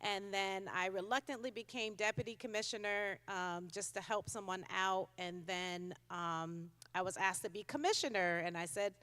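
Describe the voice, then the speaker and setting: A woman's voice: mid-range voice, normal speed, hardly any pauses, a bit bright. A woman in her fifties from Connecticut, giving a conversational speech at a conference with frequent ums. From Connecticut, USA. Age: 50s. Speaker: keynote speaker, child welfare commissioner. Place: large conference hall with audience. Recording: long hall reverb.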